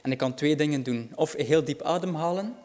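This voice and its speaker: A man's voice: on the high side, brisk, darkish tone. A man preaching a sermon, earnest and reassuring, rising in volume for dramatic quotes.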